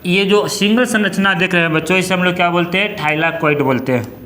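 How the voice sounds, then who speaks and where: A man's voice: sits high, fairly even intonation, quick pace, pushed and bright, reverberant. A man teaching biology, repeating each term and asking his pupils to say it back. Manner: repeats terms with call-and-response questions. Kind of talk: classroom lesson.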